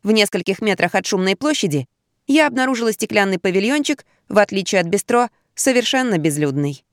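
A woman narrating a comic novel in the first person, in a wry, expressive way. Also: mid-range voice, brisk, no echo, studio quality. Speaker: audiobook narrator.

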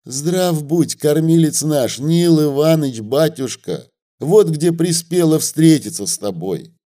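A man voicing a fawning, terrified old male merchant who pleads in a sugary voice and breaks into shrill wailing. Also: expressive, slow pace, dark tone.

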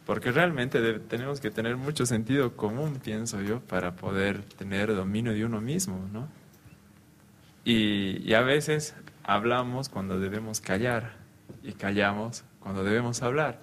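A man's voice: lowish voice, a bit bright, slight background noise. A man in a casual discussion, telling a personal story and laughing often. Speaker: panelist.

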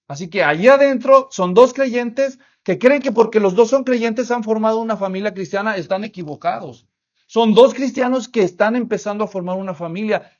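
A man's voice: high voice, darkish tone, dull audio. A man preaching a sermon as pastor, asking the congregation rhetorical questions and acting out little stories.

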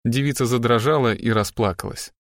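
A male audiobook narrator reads in an even, measured way, with a voice of ordinary middle pitch. The recording is close and completely dry, with no room sound. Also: no room sound. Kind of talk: scripted narration.

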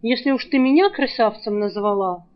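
A woman's voice: a little high, normal speed, lightly acted. A woman voicing a sardonic young foreign man in an audiobook, dry and teasing in his manner. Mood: mocking. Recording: dull lo-fi recording.

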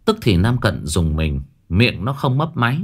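Lively low-voiced man telling a ghost story. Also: a little slow. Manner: animated, dramatic storytelling.

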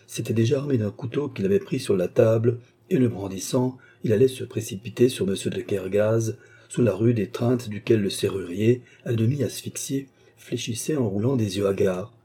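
A man reading a classic novel aloud as narrator, measured and steady. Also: fairly low pitch, breathy edge. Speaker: audiobook narrator.

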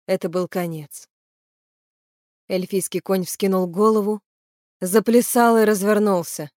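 A woman reading a fantasy novel aloud in steady, even storytelling narration. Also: mid-range voice, unhurried, no echo, studio quality. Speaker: audiobook reader.

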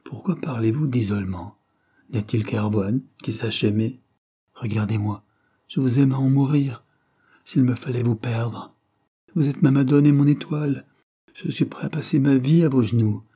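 A man's voice: on the low side, normal speed, dark tone, husky. A man reading aloud, voicing a jealous, passionate young man who pleads insistently. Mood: ardent.

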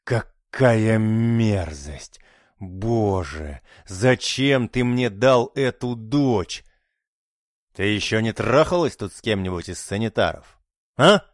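A man's voice: lowish voice, lively intonation, takes it slowly, no room sound, studio quality. A man voicing a harsh, fanatical, middle-aged religious mother in an audiobook, speaking in a scolding tone. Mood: screaming. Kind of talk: audiobook character voice.

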